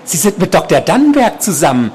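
A man voicing a soft-spoken, obsessive male psychiatric patient, quiet and insistent, while reading from his novel. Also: high-pitched, big pitch swings, fairly quick, slight background noise, pitched above the performer's own voice.

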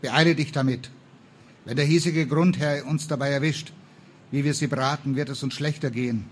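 A man's voice: mid-range voice, steady tone, moderate pace, lightly acted. A man reading the lines of a stern, dutiful young woman, a traveling apothecary in an old tale, in a firm, earnest manner. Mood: urgent.

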